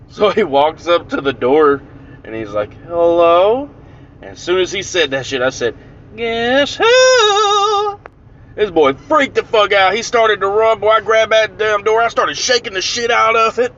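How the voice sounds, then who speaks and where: A man's voice: a bit bright, muffled recording, slight background noise. A man telling a prank story in a casual, crude, drawling way. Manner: crude, drawling, puts on a high squeaky voice for his pranks.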